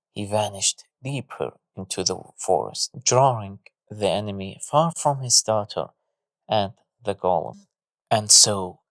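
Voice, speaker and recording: Sex: man. Role: storyteller. Style: scripted narration, solemn and measured. Pitch: low. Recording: dry, close. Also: fairly bright tone, no room sound.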